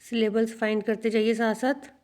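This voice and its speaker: Woman teaching slowly. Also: fairly high pitch, flat delivery, a little mellow. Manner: repeats words slowly, addresses students as children. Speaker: English teacher. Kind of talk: teaching a video lesson.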